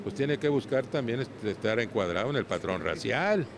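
A man's voice: mid-range voice, animated, moderate pace, vocal fry. An older Mexican man in his seventies answering interview questions as a cattle breeder, often checking in with short tag questions, on a handheld microphone. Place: large indoor livestock exhibition hall. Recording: noisy livestock show hall.

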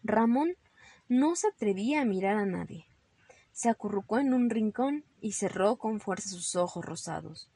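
A woman narrating a children's storybook calmly, ending on a moral. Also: medium pitch, moderate pace, slightly rough.

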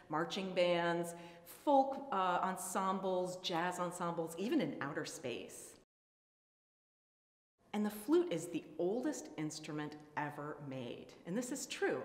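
Enthusiastic woman explaining in an echoey room. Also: on the low side. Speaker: flutist and museum presenter. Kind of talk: educational presentation. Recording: echoey room with long reverb.

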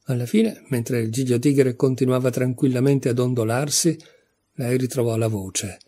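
Male storybook narrator, calm, measured, dark husky voice. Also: medium pitch. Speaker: audiobook reader.

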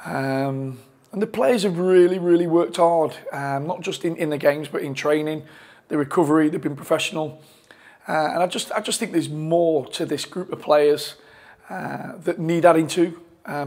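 Speaking into a lapel mic after the match, a forties-aged football manager sits in a press room with a sponsor board behind him. He sounds a little high and darkish in tone, keeping a measured pace while often restarting and using fillers.

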